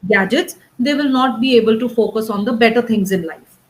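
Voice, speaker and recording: A woman's voice: a little high, a little fast, poor audio. A woman tutoring English one-on-one. She works patiently through grammar and pronunciation corrections and keeps checking understanding with "right?" and "correct?". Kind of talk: one-on-one spoken English coaching.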